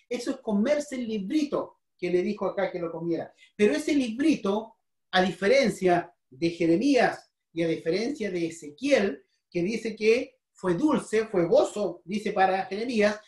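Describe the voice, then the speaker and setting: With a mid-range, darkish voice and a Chilean Spanish accent, a woman teaches the congregation a Bible lesson, questioning them and frequently repeating herself. The sound is roomy, recorded from afar in a church hall.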